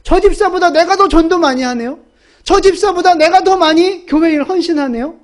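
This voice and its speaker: A woman's voice: very high-pitched, fairly quick, pitched above the performer's own voice. A woman voicing a self-righteous churchgoer who boasts to the Lord about giving and serving more than others. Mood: smug boasting. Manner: boastful, complaining.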